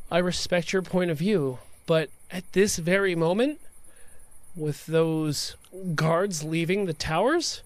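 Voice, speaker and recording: A player doing a slow, menacing, preachy villain. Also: medium pitch, dry recording, lightly acted. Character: righteous scheming captive Kevin, grandiose and condescending. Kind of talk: in-character tabletop role-play.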